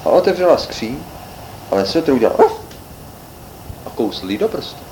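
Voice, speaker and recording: A man reading a children's storybook aloud, expressive and animated. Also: mid-range voice, slight background noise, poor audio.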